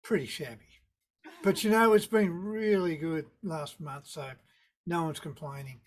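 A man's voice: fairly high pitch, unhurried. A middle-aged or older man with a Tasmanian Australian accent, chatting casually as an interview guest in a laid-back, slangy, wry way. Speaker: guest, surf photographer.

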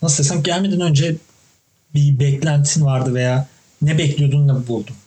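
A young man in casual conversation, telling animated stories and cursing casually as he hosts. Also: a little high, normal speed, reverberant, rough recording. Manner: animated storytelling, swears casually. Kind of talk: casual chat.

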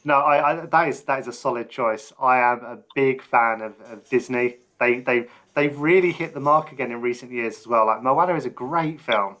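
A man's voice: medium pitch, moderate pace, few pauses, a bit bright. A man hosting a casual interview, easygoing, often chuckling, with many fillers and restarts. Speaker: interview host.

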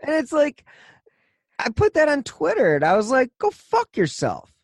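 A man's voice: very high voice, wildly swooping pitch, moderate pace, dry recording, clean studio sound. A man hosting a podcast who talks bluntly and swears freely in casual chat. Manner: blunt, profane, heated venting. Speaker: podcast host.

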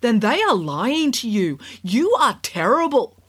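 A woman's voice: fairly high pitch, sing-song, unhurried, fairly bright tone, breathy edge, pitched above the performer's own voice, heavily acted. Woman doing a scornful TV talent judge. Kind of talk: storybook character reading.

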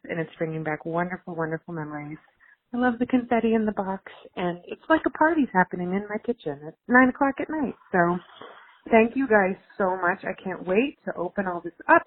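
A woman from Missouri leaving an effusive, grateful voicemail over a landline phone. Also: fairly low pitch. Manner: effusive, gushing thanks, repeats herself. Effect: heard over a landline phone line. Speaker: podcast listener leaving a voicemail. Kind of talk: casual voicemail message. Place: home kitchen at night. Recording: tinny phone line, husky.

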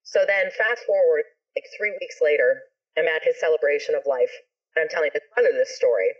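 Animated woman telling a story, lo-fi. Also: sits low, a little fast. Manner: animated, expressive, swears freely. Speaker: singer and guest. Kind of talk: casual storytelling in a podcast interview.

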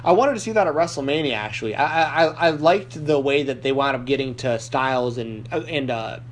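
With an animated mid-range voice and a fairly quick delivery, a man hosts a casual wrestling podcast in Nashville. He rambles, restarting sentences and dropping plenty of "likes" and fillers, over slight background noise.

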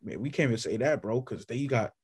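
A man's voice: mid-range voice, expressive, quick pace, darkish tone, breathy edge. A man co-hosting a podcast in casual chat, rambling with many restarts and perking up when he lists names. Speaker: podcast co-host.

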